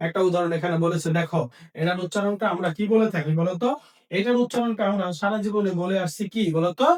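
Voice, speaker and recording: In a quick-paced Bengali grammar lesson, a man with a high voice sits far from the mic, asking questions and answering them himself while repeating each key point.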